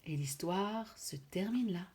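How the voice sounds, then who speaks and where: A woman reading a children's picture book aloud, gently, talking straight to a child. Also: medium pitch, lively intonation, takes it slowly. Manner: gentle, addresses a child directly. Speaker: storyteller.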